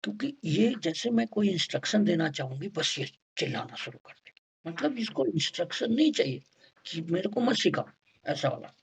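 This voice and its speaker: Gravelly, husky male lecturer. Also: fairly high pitch, big pitch swings. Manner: explains slowly, repeats key terms, checks in with students. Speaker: homeopathy teacher. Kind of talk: lecture on remedy rubrics.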